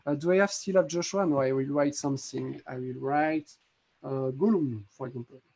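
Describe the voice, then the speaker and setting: A man with a French accent explaining an app on a live video call, talking haltingly with frequent restarts and fillers. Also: mid-range voice, gravelly, darkish tone, breathy edge. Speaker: app developer demonstrating a magic trick. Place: home in a city.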